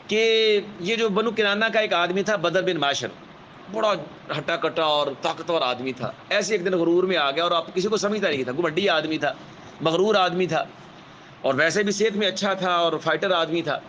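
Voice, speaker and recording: A male scholar tells history as a lesson in with a tinge. His voice sits a little high for a man, and his delivery is measured. He keeps checking in with his listeners and acts out the quoted speech vividly, over a faint background hum. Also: fairly bright tone, poor audio. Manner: measured, keeps adding a checking "alright?" tag. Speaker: Islamic scholar lecturer. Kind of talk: storytelling religious lecture.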